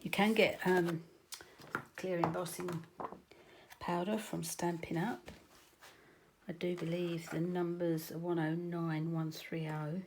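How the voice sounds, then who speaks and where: A woman's voice: lowish voice, little pitch movement, takes it slowly, pauses often, darkish tone, slight background noise. A middle-aged woman with a southern English accent, chatting her way through a card-making tutorial with rambling, self-correcting asides. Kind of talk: casual crafting tutorial.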